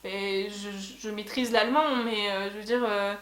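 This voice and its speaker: This young woman vlogger speaks at normal speed in a medium-pitched voice with fairly even intonation. A native French speaker, she shares a travel story in a casual, chatty way with lots of fillers and restarts, recorded in an echoey room.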